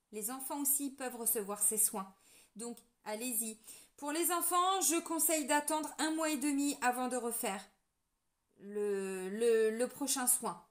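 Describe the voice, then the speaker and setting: A woman with a bright, high voice gives a card reading to her online viewers. She talks in a loose, earnest way, full of fillers and tag words, as if chatting with friends. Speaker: tarot card reader and energy healer. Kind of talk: casual monologue to viewers.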